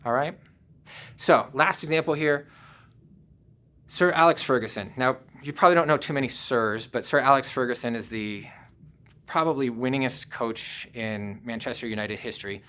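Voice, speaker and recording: A man's voice: mid-range voice, moderate pace, sharp tone. A man giving a virtual conference presentation, talking in a conversational way and telling personal stories, often with "um" and "you know.". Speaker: conference speaker.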